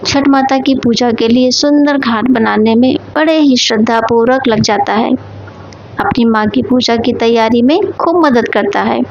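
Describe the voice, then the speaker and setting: A woman's voice: a little high, measured pace, a little mellow. A woman storyteller narrating a devotional folk tale steadily, on a dull lo-fi recording.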